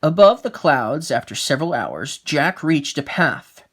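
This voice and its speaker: A storyteller reading a fairy tale aloud, expressive, with the odd small slip and restart. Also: medium pitch, a little slow, slightly rough.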